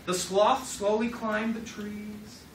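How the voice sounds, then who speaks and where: Leading a children's puppet show, this storyteller speaks slowly with a medium pitch and a flat delivery, though her telling is dramatic and she feeds the kids short lines to echo. It's recorded from afar in a noisy, echoey room.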